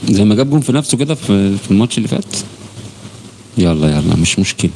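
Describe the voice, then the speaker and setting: Fast-talking low-voiced Egyptian man. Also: big pitch swings, a little mellow, slight background noise. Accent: Egyptian Arabic. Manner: chatty, addresses viewers by name, swears oaths often. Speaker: football channel host. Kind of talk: casual live-stream chat.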